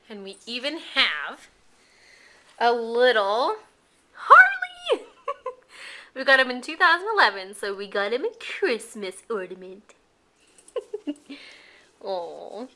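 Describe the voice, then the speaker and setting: A woman's voice: high-pitched, sharp tone. A young woman chatting casually through a vlog, giggly and talking playfully to her dog. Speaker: vlogger.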